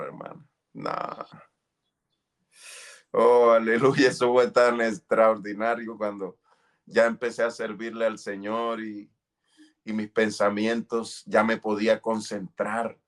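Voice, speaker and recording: A middle-aged man giving an earnest, fervent testimony in an interview. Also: mid-range voice. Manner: earnest, fervent, relives moments with cries and shouts. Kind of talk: emotional testimony.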